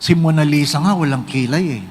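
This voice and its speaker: A Filipino priest giving a humorous homily, telling jokes and stories and often asking the congregation "di ba?". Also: male voice, on the high side, fairly quick, darkish tone, a little hiss or hum. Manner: joking storyteller, frequent tag questions to the congregation.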